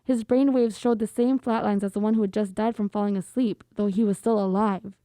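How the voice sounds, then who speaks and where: A woman's voice: mid-range voice, steady tone, a little fast, dark tone, no echo. A woman hosting a podcast, reading a horror story aloud steadily and chatting casually with guests. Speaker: podcast host.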